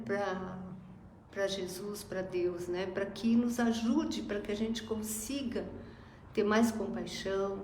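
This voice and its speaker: A woman's voice: medium pitch, mellow. A Brazilian woman giving a spiritist sermon, reflective and hesitant, often tagging sentences with a questioning filler. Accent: Brazilian Portuguese. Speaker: spiritist speaker. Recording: echoey room, faint noise.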